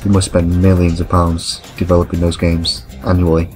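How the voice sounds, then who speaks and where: A man in his thirties with a very low voice, chatting his way through a gameplay video. He wanders off into long anecdotes and corrects himself as he goes. Faint game music plays underneath. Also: monotone, moderate pace, darkish tone, poor audio. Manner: rambling, anecdotal, self-correcting. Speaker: gameplay commentator. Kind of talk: casual storytelling over gameplay.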